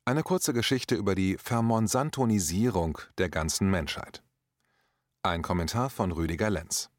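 Low-voiced man reading an emphatic commentary. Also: no echo, studio quality. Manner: emphatic and polemical, with ironic storytelling. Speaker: commentator reading his own text. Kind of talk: scripted spoken commentary.

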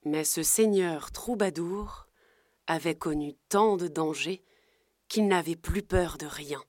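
Slow, gentle woman storybook narrator. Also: deep voice, no echo, studio quality.

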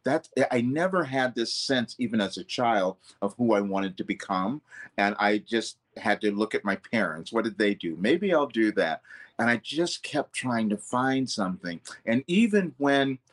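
The speaker, a vocal coach, sounds fairly low and expressive at normal speed. He's earnest and loose in this reflective interview, often revising what he says mid-sentence.

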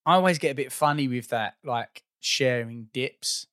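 A man in his forties with an Essex accent, chatting casually about film in an informal, fairly monotone way. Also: mid-range voice, normal speed, dry recording, studio quality. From Essex, England. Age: 40s. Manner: self-described monotone, informal.

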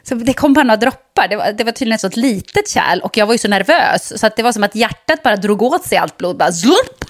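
Young woman, casual chat, lively storytelling, fairly high voice. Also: hardly any pauses. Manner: animated storytelling, acts out quotes.

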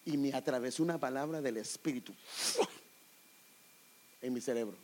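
In a medium-pitched voice and at a moderate pace, a middle-aged man with a Guatemalan Spanish accent delivers a testimony sermon about his own life. He speaks with animation, calling those listening "brother."

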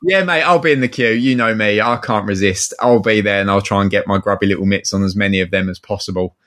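A man's voice: fairly low pitch, quick pace, a bit bright. Matey man with an Essex accent. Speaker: guest, toy collector. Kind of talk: casual chat.

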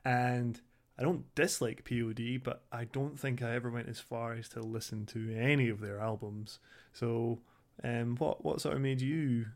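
A man's voice: mid-range voice, steady tone, normal speed. A man in his thirties co-hosting a podcast in casual chat, informal, sweary and self-deprecating. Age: 30s. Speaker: podcast co-host.

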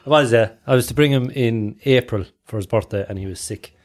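A man's voice: mid-range voice, a little fast. A man with a Cork Irish accent hosting a podcast, telling casual anecdotes in colloquial, sweary language. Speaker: podcast host.

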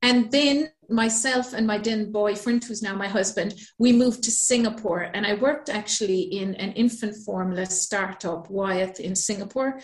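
Irish woman, podcast guest, mid pitch, echoey room, chatty storytelling. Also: normal speed, few pauses. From Ireland. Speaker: guest, business mentor. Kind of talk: podcast interview.

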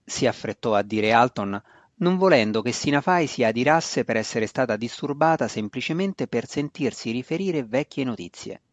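A man's voice: mid-range voice, animated, moderate pace, no room sound. A man narrating a fantasy novel as a reader. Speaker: audiobook narrator. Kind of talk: scripted narration. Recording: dry, dull lo-fi recording.

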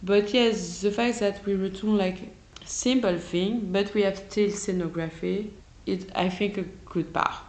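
A woman with a French accent, a native French speaker, hosting a solo podcast and often pausing to search for English words. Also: mid-range voice, fairly even intonation, a little mellow, low-quality recording. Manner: halting, searches for English words, self-correcting. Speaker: podcast host. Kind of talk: casual solo podcast talk.

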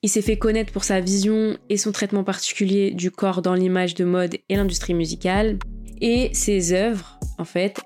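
A woman's voice: mid-range voice, a little mellow. A woman hosting a podcast, talking casually and with slang about digital art. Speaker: podcast host.

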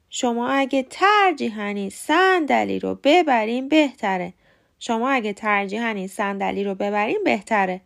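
Higher-pitched woman teaching English. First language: Persian. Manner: slow, deliberate spelling-out of English words. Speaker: podcast host and English pronunciation teacher. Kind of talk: scripted podcast lesson.

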